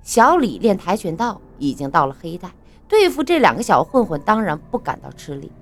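A woman narrating a ghostly story in a dramatic, expressive way. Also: lowish voice, moderate pace.

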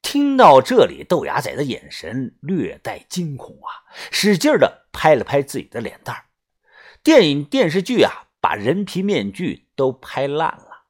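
A man narrating a first-person novel as an audiobook, drawing out sentence particles in a storytelling manner. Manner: storytelling with drawn-out particles and lively pitch.

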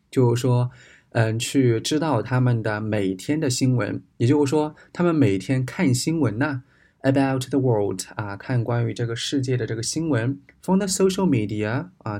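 A man's voice: mid-range voice, warm tone. A Chinese man, a native Chinese speaker, teaching English words in Mandarin and spelling them out letter by letter. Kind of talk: explaining an English news text in Chinese.

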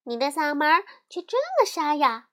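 A woman voicing a group of little goat kids, talking in a high, insistent childlike way. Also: expressive, normal speed. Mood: defiant.

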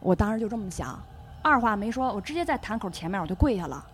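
A woman, telling a personal story as a guest on a talk show in a chatty, animated way. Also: medium pitch, fast, slight background noise. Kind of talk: casual storytelling chat.

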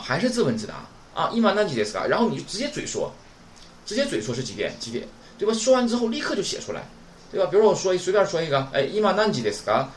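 A man teaching a recorded Japanese lesson. He keeps asking rhetorical questions and models pronunciation slowly and clearly. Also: a little high. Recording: roomy with faint background noise.

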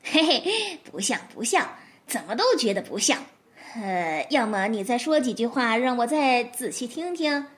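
Storybook fox, sly and teasing, voiced by a woman, slightly lower than her own, lively and playful. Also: moderate pace. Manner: teasing, mock-innocent. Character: sly mocking fox, head of the family.

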